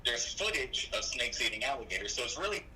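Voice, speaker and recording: Man heard through a phone on speaker, very bright tone, matter-of-fact explainer. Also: medium pitch, big pitch swings, fast talker, a little hiss or hum, low-quality recording. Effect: speakerphone call. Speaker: phone-in friend. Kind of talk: casual chat.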